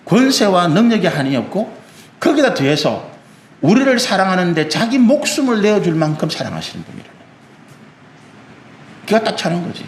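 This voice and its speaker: A man's voice: high voice, roomy sound, slight background noise. A male pastor preaching a sermon, addressing the congregation directly and acting out God's words. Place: church sanctuary.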